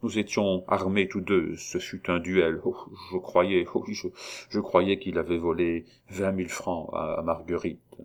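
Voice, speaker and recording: A man reading aloud, voicing a guilt-haunted aristocratic count who confesses in halting, agitated bursts. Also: sits low, flat delivery. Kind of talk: audiobook reading.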